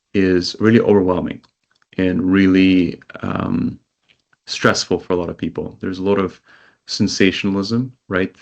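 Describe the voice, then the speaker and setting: A man who grew up in Israel, a company CEO, giving measured interview answers over a call and listing things one by one. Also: low-pitched. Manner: measured, lists items one by one.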